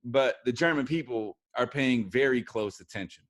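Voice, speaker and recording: A man teaching a history lesson in a relaxed, chatty way, acting out what historical figures said. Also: medium pitch, normal speed. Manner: animated, acts out quotes of historical figures. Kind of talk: casual classroom lecture.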